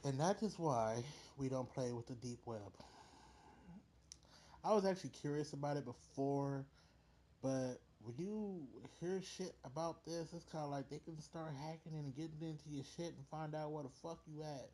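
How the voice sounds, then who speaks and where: A man's voice: fairly high pitch, moderate pace, dark tone, slight background noise. A man hosting a reaction video, talking in a laid-back, blunt way and swearing freely. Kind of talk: casual reaction chat.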